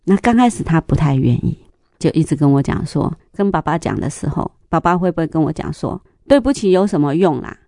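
A middle-aged woman, sharing a church testimony in an interview, telling stories lively and acting out the dialogue. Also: sits low, fairly quick, creaky, no echo, clean studio sound. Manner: lively storyteller, acts out dialogue, laughs often.

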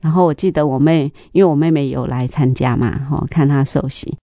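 A middle-aged woman, sharing a church testimony in an interview, telling stories lively and acting out the dialogue. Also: low voice, brisk, dry recording, clean studio sound. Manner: lively storyteller, acts out dialogue, laughs often.

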